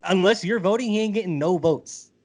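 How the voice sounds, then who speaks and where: A man co-hosting a casual sports podcast who argues hotly and emphatically. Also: a little fast. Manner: emphatic, argues hotly, jumps up high when worked up. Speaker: podcast co-host.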